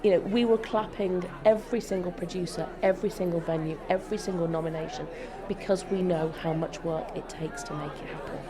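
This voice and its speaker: Over the busy chatter of an event crowd, a woman speaks enthusiastically and emphatically as an interview guest, the joint chief executive of a theatre company. She talks fairly quickly in a lowish voice with a steady tone.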